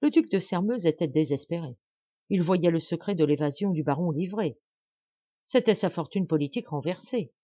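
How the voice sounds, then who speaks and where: A woman narrating an audiobook in a measured, clear storytelling manner, recorded close in a dull lo-fi home setup. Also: fairly low pitch, lively intonation, mellow, dry recording. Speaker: audiobook reader. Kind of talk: scripted narration.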